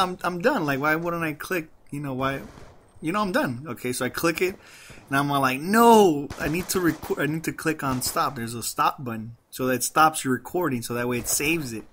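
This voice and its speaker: This gaming commentator speaks with a fairly high, fairly bright voice and a light Mexican Spanish accent, over slight background noise. He rambles casually about the game, keeps restarting, and laughs at his own expense.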